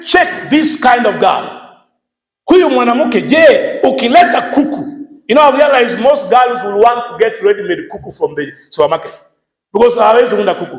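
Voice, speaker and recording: High-voiced Kenyan male preacher, echoey. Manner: lively preaching, mixing English and Swahili, bursts of shouted emphasis. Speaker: pastor. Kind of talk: sermon.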